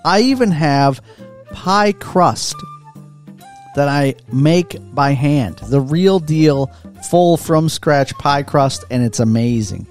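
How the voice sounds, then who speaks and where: A man's voice: on the high side, a little mellow. A man co-hosting a radio show, bantering casually. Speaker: radio co-host.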